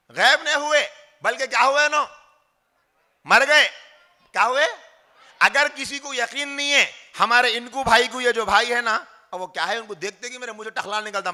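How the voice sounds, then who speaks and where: A man's voice: very high voice, bright, forceful tone. A man giving an informal religious talk, asking his listeners questions and answering them himself, often mocking. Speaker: religious speaker.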